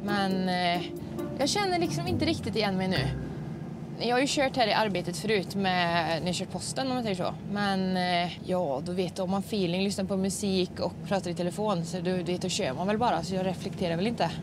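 A young woman with a Swedish accent, a timber truck driver thinking aloud in a reality show, swearing under stress. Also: lowish voice. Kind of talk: reality TV commentary. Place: truck cab. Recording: music playing underneath.

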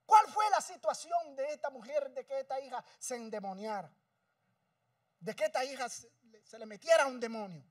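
A male pastor preaching a sermon, swinging between shouting and hushed, dramatic passages. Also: extremely high pitch, expressive, moderate pace, no echo, distant mic.

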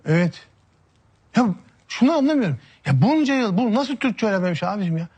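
A young actor playing a wary younger brother who bargains quickly and complains. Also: male voice, sits high, very animated, darkish tone, breathy edge, exaggerated voice. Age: young adult. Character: young brother Sadık, sulky and wary, man.

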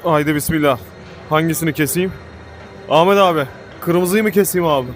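A man giving excited, panicky commentary while playing a game, swearing and shouting at it. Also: fairly high pitch, moderate pace. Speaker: gaming YouTuber. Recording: game music playing behind.

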